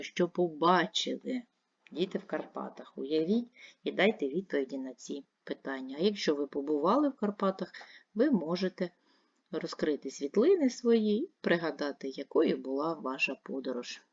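Low-voiced woman teacher explaining patiently. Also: lively intonation, normal speed, darkish tone, husky, dry recording. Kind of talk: primary school video lesson. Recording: dull lo-fi dry recording.

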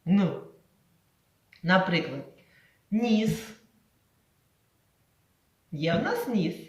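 A woman teacher leads young children through sounds at a very slow pace, with a lively, rising and falling voice. Her pitch sits slightly low. She stretches and overstates each sound for the class to copy, and the room around her is echoey. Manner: slow, drawn-out, exaggerated sounds for children to repeat. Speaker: primary school teacher. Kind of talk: reading lesson for young children.

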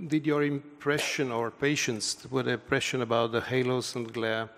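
A man's voice: mid-range voice, flat delivery, moderate pace, a bit bright. A man moderating a conference panel, posing questions politely.

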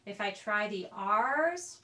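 A woman with a bright, forceful, expressive mid-range voice speaks slowly as she teaches recorder to a group over video. She's chatty in her explanations, with little asides tucked in. Recorded from a distance on her computer mic, the call audio sounds roomy.

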